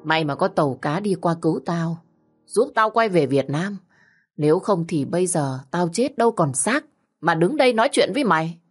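A woman's voice: fairly low pitch, lively intonation, moderate pace, breathy edge, faint music behind. A woman voicing a mocking middle-aged male kidnapper who taunts and threatens bluntly, as a storybook figure. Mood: sneering.

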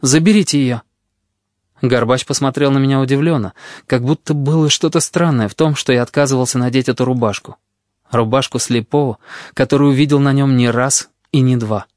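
A man narrating a novel in the first person, reading in a measured, quiet way. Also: mid-range voice, steady tone, no echo, clean studio sound. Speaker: audiobook narrator.

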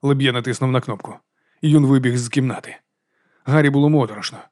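A man's voice: medium pitch, fast talker, no room sound. Man reading an audiobook, dry sound. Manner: steady storytelling. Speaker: audiobook reader. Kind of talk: audiobook narration.

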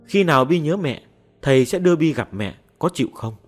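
A gentle Buddhist master in an audio story, voiced by a man, calm and coaxing. The voice sits a bit high and husky, with lively pitch. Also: a little fast, soft background music.

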